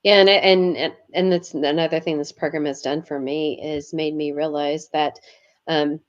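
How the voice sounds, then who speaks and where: Speaking at a moderate pace in a low, steady voice, a yoga teacher and author appears as a guest in a relaxed interview. She recounts her experiences earnestly, often repeating words at the start of phrases, and the recording sounds muffled.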